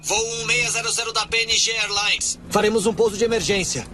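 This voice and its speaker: An actor playing an airline captain calling an urgent mayday over a cockpit radio in a dubbed reenactment. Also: male voice, high voice, steady tone, fairly quick, music in the background. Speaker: airline pilot calling a distress call.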